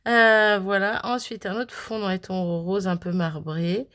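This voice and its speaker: A woman's voice: medium pitch, fairly even intonation, slow, a bit bright. A chatty woman from France who vlogs about crafting, casually showing swapped cards and laughing at her own slips. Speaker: crafting vlogger.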